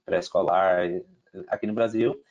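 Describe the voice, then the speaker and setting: A middle-aged investor from the United States, with an American accent carrying some Brazilian and European Portuguese, talks casually in Portuguese about his career. He speaks at a moderate pace in a low, steady, slightly mellow voice with vocal fry, and the audio sounds dull. Restarts, fillers and stray English words run through his account.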